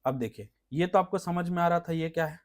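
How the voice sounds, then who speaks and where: Higher-pitched male chemistry teacher. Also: fairly quick. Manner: explains step by step, asks rhetorical checks, repeats key terms. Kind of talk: classroom lecture.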